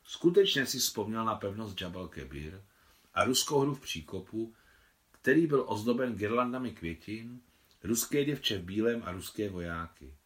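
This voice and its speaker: A man's voice: fairly low pitch, lively intonation. A man reading his own translation of a novel as audiobook narration, telling the story expressively.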